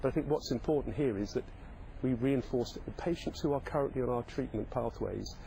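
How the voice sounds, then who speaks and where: Mellow man giving an official statement. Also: mid-range voice, fairly quick, vocal fry, slight background noise, low-quality recording. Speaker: hospital chief executive. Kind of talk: news interview statement.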